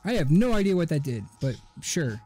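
A man's voice: fairly high pitch, sing-song, brisk, dark tone, breathy edge. A young man giving joking, sarcastic running commentary while playing a video game. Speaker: gaming host. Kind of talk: let's play commentary. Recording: faint game music behind.

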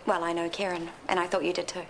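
An actress playing a dry, guarded hospital worker in a TV soap. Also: female voice, on the low side, flat delivery, fast talker, creaky, slight background noise. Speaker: hospital staff member. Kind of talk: TV soap acting.

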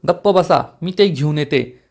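A man voicing a quick-tempered young village bride, retorting in a slightly raised voice. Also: a little high, a little mellow. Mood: snappy.

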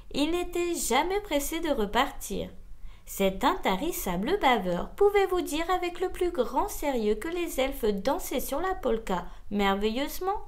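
A woman reading a children's picture book aloud in a slow, theatrical way. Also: high voice. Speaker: storybook reader.

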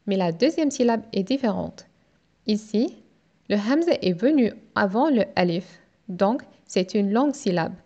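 A woman teaching Quran reading in a slow step-by-step lesson, drawing out syllables patiently. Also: medium pitch, dark tone, lo-fi sound. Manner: drawn-out syllable drills, patient.

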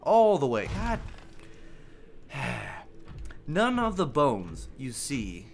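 A man's voice: fairly high pitch, wildly swooping pitch, drawn-out words, soft background music. Jokey, rambling male gamer. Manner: rambling, jokey, swears often. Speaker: gaming video host. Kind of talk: casual gameplay commentary.

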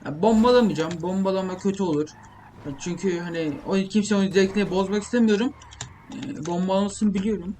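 With a high-pitched, dark-toned voice at a fairly quick pace, a young man makes gaming videos and talks through gameplay casually, rambling and thinking aloud. Typing and keyboard clicks sound behind him in a clearly noisy home recording.

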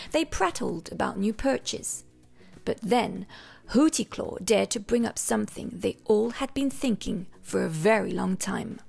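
A woman reading a children's picture book aloud in a gentle, expressive storytelling manner. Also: mid-range voice, creaky. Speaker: storybook reader.

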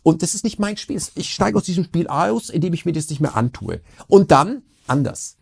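A man's voice: fairly high pitch, animated, moderate pace, creaky, a little mellow, slightly rough. A man, talking in a casual, emphatic and rambling conversation as a guest. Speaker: interview guest.

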